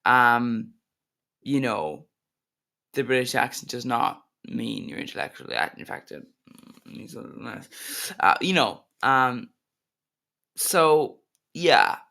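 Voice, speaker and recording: A man's voice: mid-range voice, animated, slow, vocal fry, pauses often, pushed and bright. A man reacting to a video, giving hesitant, rambling casual commentary.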